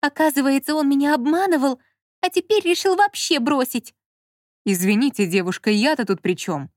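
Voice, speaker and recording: A woman's voice: high voice, lively intonation, normal speed, no echo, clean studio sound, pitched above the performer's own voice. A woman voicing a sly young swindler on the phone, theatrical and sharply changeable. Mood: tearful, gushing. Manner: theatrical, switching between cold pressure and gushing.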